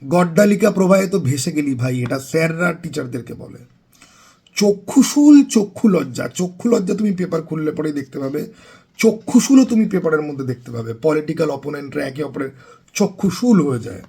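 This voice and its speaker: Man, casual book review vlog, gravelly, chatty, slips in English words. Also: on the high side, lively intonation, fairly quick, warm tone. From West Bengal, India. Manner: chatty, mixes English words, stumbles over some sounds.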